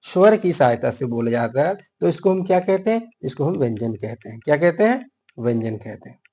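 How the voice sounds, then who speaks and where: A man's voice: a little high, very animated, a little fast, a little mellow. A man teaching a grammar lesson for an exam, explaining step by step and answering his own questions.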